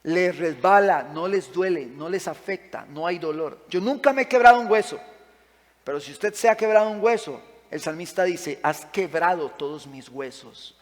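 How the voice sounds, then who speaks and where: A man preaching a sermon as pastor, passionate, rising to loud emphatic peaks and sinking to quiet pleading. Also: sits high, animated, moderate pace. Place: church sanctuary. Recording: long church-hall reverb.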